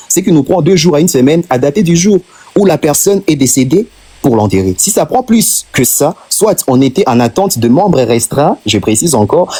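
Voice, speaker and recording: A warm, slightly rough, fairly high male voice belongs to a Congolese man from the Democratic Republic of the Congo. Speaking with a Congolese French accent on a live stream, he insists on his point with fervor, stringing together rhetorical questions and repeating phrases for weight.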